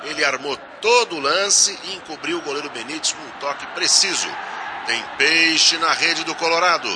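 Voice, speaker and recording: A man's voice: fairly high pitch, normal speed, noisy background, natural voice. A man playing a radio football reporter who gives analysis of a goal. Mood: admiring, emphatic.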